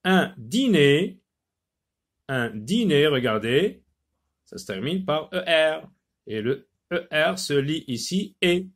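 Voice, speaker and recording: A man teaching a phonics lesson to children, slowly repeating each word and stressing its syllables. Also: on the high side, animated, a bit bright. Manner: slow, deliberate, repeats words syllable by syllable.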